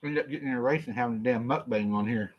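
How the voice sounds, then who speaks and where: A man's voice: medium pitch, rapid-fire, lo-fi sound. A man hosting a casual livestream, joking, laughing and reading viewer comments aloud as he eats. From Oklahoma. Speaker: livestream host. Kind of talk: casual livestream chat while eating.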